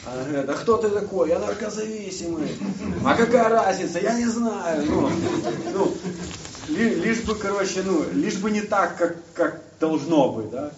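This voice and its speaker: A young man sharing his recovery story with a group, halting and restarting as he searches for words. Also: high voice, lively intonation, background noise. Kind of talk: personal testimony to a group. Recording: distant roomy hall mic, dull.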